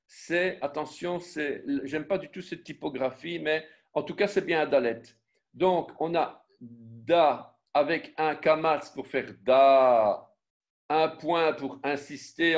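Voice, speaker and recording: A man with a slightly high voice teaches an online Biblical Hebrew class while sharing his screen. He goes very slowly, spelling out syllables and sounds letter by letter, and keeps breaking off with fillers, restarts and self-corrections.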